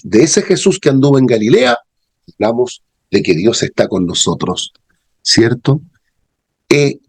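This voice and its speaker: A man's voice: lowish voice, a little mellow, no echo. A man teaching a theology class, explaining terms and checking in with his students. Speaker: theology professor. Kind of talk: classroom lecture.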